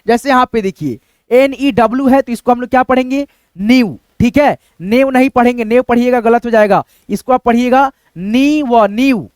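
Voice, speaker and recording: A man gives an online lesson, sounding out short words letter by letter and tagging "right?" onto his steps. His voice is very high and smooth. The sound is dry and close, with no room around it. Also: brisk, darkish tone, no room sound. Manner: spells letter by letter, often adds "friends" and "right?". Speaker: teacher. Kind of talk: online spelling and pronunciation lesson.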